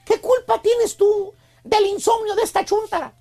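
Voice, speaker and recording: A Mexican man hosting a comedy radio show, teasing his co-hosts and mocking a bossy wife in a quick, joking way. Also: very high voice, fairly even intonation, mellow.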